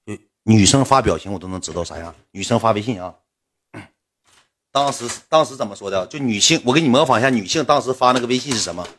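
A man's voice: lowish voice, fast talker, slight background noise. A man with a Northeastern Mandarin accent telling a personal story in casual, colloquial speech, repeating phrases as he goes. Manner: colloquial, repetitive, animated retelling.

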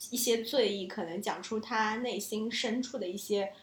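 A woman co-hosting a casual podcast, asking gentle questions and thinking aloud. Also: medium pitch, normal speed. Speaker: podcast co-host. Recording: echoey room.

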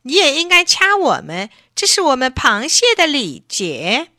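A woman voicing a jolly crab in a children's story who talks in a gleeful, excited way. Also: high-pitched, a little slow, no echo, clean studio sound, pitched above the performer's own voice, heavily acted.

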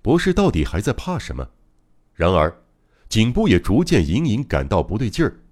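A man's voice: on the low side, huge pitch swings, moderate pace, a little mellow. A man narrating a mystery novel as an audiobook, in a dramatic, suspenseful reading. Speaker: audiobook reader.

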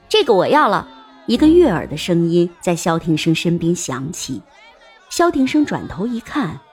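A woman narrating a historical-fiction audiobook in an expressive storytelling manner. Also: fairly low pitch.

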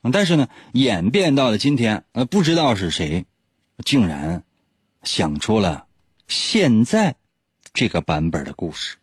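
A man's voice: on the low side, sing-song, unhurried, husky, dry recording. A man, a radio host telling a legend in a teasing, joking way, chuckling often. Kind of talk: joking storytelling. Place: radio studio.

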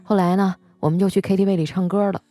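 A young woman, telling comic stories as a radio host in a wry, deadpan way and playfully voicing the people she quotes. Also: mid-range voice, fast, no echo. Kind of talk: comic storytelling monologue.

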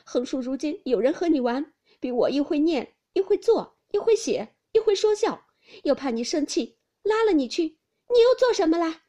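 Woman reader doing a touchy young noblewoman, high, loud and husky, reproachful and sulky. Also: very animated, normal speed. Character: young noblewoman, sharp-tongued, touchy and tearful. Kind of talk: audiobook character reading.

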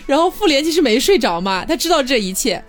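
A woman's voice: high-pitched, fast talker. A woman hosting a podcast, casually retelling a classic tale and voicing the characters' lines. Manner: lively retelling with voiced quotes and laughter. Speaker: podcast host storyteller. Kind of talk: casual storytelling. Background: background music.

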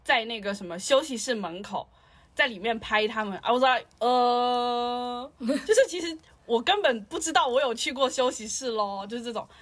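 A woman's voice: a little high, normal speed. A woman in casual chat, ranting and slipping in English phrases. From lives in Shanghai.

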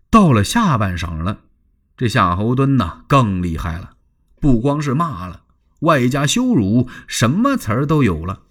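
A man telling a traditional Chinese story in a dramatic, sweeping style, often turning aside to address the listeners. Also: mid-range voice.

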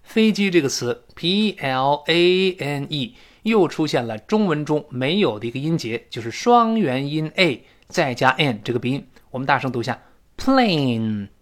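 A male English teacher leads a pronunciation lesson, stretching words out slowly and repeating them again and again. His voice sits a little high and swings widely between loud, emphatic bursts and quiet asides. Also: expressive. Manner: drills words slowly and repeats them, with big jumps in pitch and loudness.

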